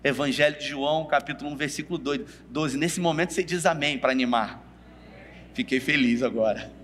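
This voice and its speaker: A man's voice: on the high side, brisk, a bit bright. A preacher telling a Bible story in a sermon, calling out to his listeners by name. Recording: long reverb of a hall.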